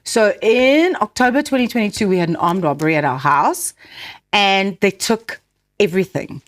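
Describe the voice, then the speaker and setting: A woman's voice: medium pitch, animated, moderate pace. A woman with a South African accent co-hosting in a chatty way, bantering casually and telling stories. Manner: chatty, switches between Afrikaans and English. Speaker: radio or podcast co-host. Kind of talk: casual co-host banter and storytelling.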